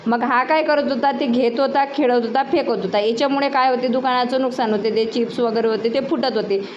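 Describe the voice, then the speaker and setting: A woman's voice: a little high, brisk, a little mellow, lo-fi sound, slight background noise. A young woman, a mother, casually telling viewers her complaints, often turning to them with rhetorical questions. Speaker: mother and vlogger. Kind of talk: casual storytelling to camera.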